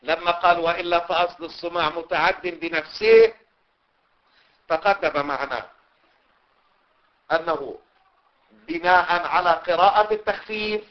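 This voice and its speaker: Male teacher, slightly higher voice, repetitive explaining style, dull lo-fi recording. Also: unhurried, pauses often. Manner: repeats points and checks understanding. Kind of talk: classical text lesson.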